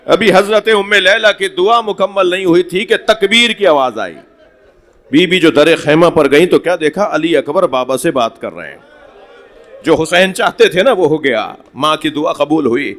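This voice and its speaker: A male cleric delivering a mourning sermon at a religious gathering, impassioned and rising to shouted lament. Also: a little high, lively intonation. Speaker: Shia cleric giving a majlis. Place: mosque hall at a gathering.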